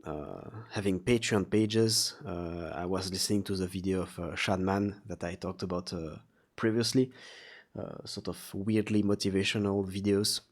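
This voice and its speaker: Low-voiced, halting man with a slightly sore throat. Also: steady tone. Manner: halting, searching for words. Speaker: vlogger, artist. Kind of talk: casual confessional vlog monologue.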